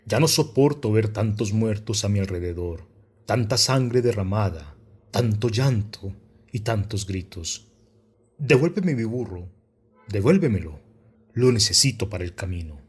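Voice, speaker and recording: A man's voice: on the low side, lively intonation, measured pace, husky. A man reading a weary man who is leaving because he cannot bear more bloodshed, in an audiobook. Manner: weary, resolute.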